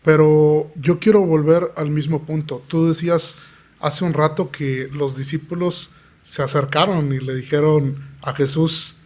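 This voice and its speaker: A man's voice: a little high, steady tone, unhurried, darkish tone. A man, a pastor telling his testimony in an earnest, preaching tone. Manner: earnest, preaching tone, acts out quoted voices. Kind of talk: podcast interview testimony.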